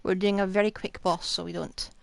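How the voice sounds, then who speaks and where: A live streamer chats casually while playing a video game, rambling and tossing in joking asides over game music. Her voice is mid-range, level, brisk and creaky, and the recording is dry.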